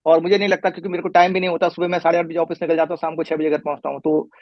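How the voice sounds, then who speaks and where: A middle-aged man in a patient's chair who talks quickly in a rather high voice and rambles through detail, restarting often. The recording is dull and lo-fi, with a dry, close sound. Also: level tone, no echo. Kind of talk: casual conversation. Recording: muffled lo-fi recording.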